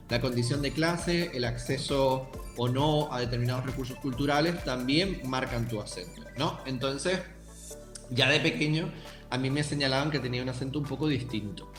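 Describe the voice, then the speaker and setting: A young adult man from Tenerife in the Canary Islands speaks with a Canarian accent at medium pitch, in a room with noticeable echo. He's a writer who answers interview questions thoughtfully while addressing listeners directly.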